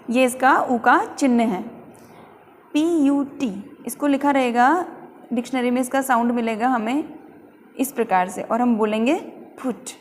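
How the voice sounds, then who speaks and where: A woman teaching pronunciation to a class, spelling words out letter by letter and having students repeat them back. Her voice sits a little high. A long reverb trails after her words. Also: slight background noise. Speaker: English teacher.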